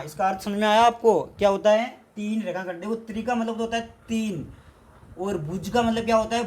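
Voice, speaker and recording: A man from India, teaching an exam-prep math lesson at a board. He repeats his points and asks questions that he answers himself. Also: high voice.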